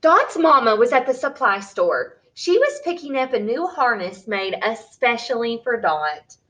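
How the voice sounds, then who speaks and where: Reading a picture book aloud for little children, this woman performs it deliberately and expressively, like a storyteller. Her voice is on the high side.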